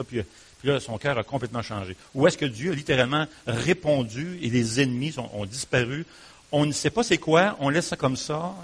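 A man with a Québécois accent preaching a sermon as pastor, talking to listeners conversationally and swinging between emphatic, loud lines and hushed, low ones. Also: husky. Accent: Québécois French. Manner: conversational, with fillers and restarts, addressing listeners as "mon ami".

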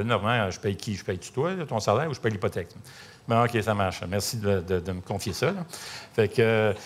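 A middle-aged man with a Québécois French accent preaching a sermon in a conversational, storytelling way with many fillers. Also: medium pitch. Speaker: pastor.

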